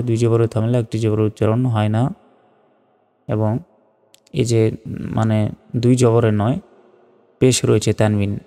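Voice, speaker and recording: A man teaching Quran reading, methodically spelling out each syllable and then reciting the verses in slow, drawn-out phrases. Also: lowish voice, creaky, dark tone. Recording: long reverb, faint background music.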